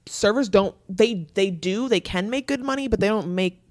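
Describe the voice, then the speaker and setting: A woman guest talking candidly in a casual podcast chat, with quick restarts. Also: mid-range voice, no echo, studio quality. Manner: candid, chatty, fast restarts. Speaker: guest, exotic dancer.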